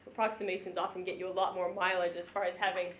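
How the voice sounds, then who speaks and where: Animated woman lecturing in echoey room. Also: on the low side, racing, a little hiss or hum. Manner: animated, joking, chuckles between points. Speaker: physics lecturer. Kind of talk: classroom lecture. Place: classroom or lecture hall. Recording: echoey, dull lo-fi room recording.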